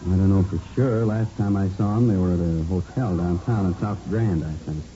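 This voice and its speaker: An actor plays an obliging, chatty gym owner in a vintage radio police drama, sounding casual and accommodating. His voice is low-pitched and warm at normal speed, close to an everyday voice, and the recording is muffled and noisy, like old radio.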